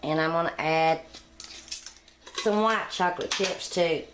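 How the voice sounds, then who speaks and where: A middle-aged woman walks through a baking recipe in a homey, plain-spoken way, her voice sitting a little low. She talks casually in a home kitchen, picked up by the camera mic with a faint room hum behind her. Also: a little slow. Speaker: home cooking channel host. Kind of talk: casual cooking demonstration voice-over.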